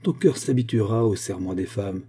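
Man voicing a worldly café owner, gruff, soothing, compassionate, low husky voice, storybook reading. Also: normal speed, warm tone.

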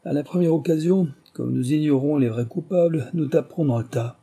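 Man voicing a bossy pompous manager, raised pitch, dark husky voice. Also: a little fast. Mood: commanding. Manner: commanding and pompous. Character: bossy male plantation manager, commanding.

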